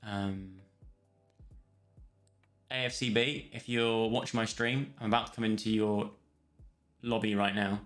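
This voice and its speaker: A man's voice: on the low side, steady tone, unhurried, long pauses, fairly bright tone. A young man chatting casually on a live stream, rambling between topics and thanking viewers. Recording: roomy sound with faint music.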